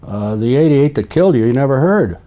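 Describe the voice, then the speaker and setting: Elderly American veteran remembering, mellow voice. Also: male voice, mid-range voice, animated. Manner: old veteran remembering, halting and deliberate with repeated words. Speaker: World War II veteran being interviewed. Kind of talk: recollecting war experiences in an interview.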